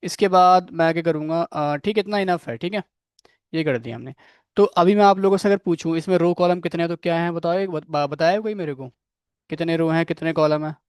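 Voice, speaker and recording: A man's voice: on the high side, brisk, clear, resonant tone, no room sound, clean studio sound. A man teaching a coding class, explaining each step and checking in with his students, quizzing them by name. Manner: explains step by step, keeps checking with "theek hai". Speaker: coding instructor.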